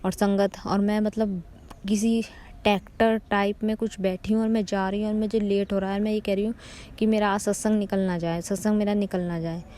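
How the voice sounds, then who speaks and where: A woman in her thirties shares a devotional testimony with a congregation. She speaks earnestly, turning to her listeners again and again. Her pitch stays flat and level, and her voice sits at an ordinary height. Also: brisk. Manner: earnest storytelling, often addressing listeners as "sangat ji". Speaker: devotee sharing a personal testimony.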